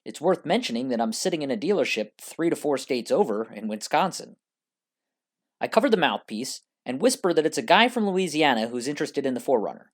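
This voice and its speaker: A narrator reading a scripted first-person story with an expressive delivery. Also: mid-range voice, a little fast.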